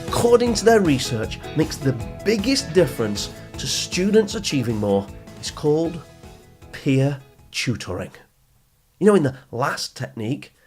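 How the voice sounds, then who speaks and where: A fairly high-pitched male voice with a darkish tone hosts a teen-focused educational podcast. Speaking as a coach, he talks right to the listener, emphatic, instructive and encouraging, in a motivational monologue.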